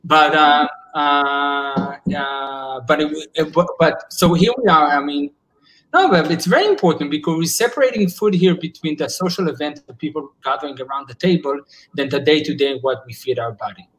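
A psychologist in his forties joins a casual video call from home via laptop webcam, speaking at normal speed in a slightly high, somewhat bright voice. He talks earnestly, frequently starting over as he searches for words. The recording is rough.

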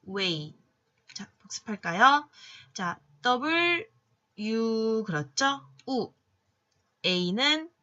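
A woman teaching English phonics in a patient classroom manner, slowly sounding out each letter and cueing students along. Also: medium pitch, bright, forceful tone, highs cut off. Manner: patient, drawn-out sounding of letters, many "자" cues. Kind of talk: slow classroom phonics lesson.

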